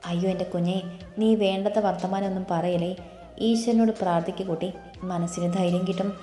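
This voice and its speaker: A woman voicing a caring, worried middle-aged mother who soothes and gently scolds, in a storybook reading with faint music in an echoey room. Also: on the low side, fairly even intonation, brisk, natural voice. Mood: soothing.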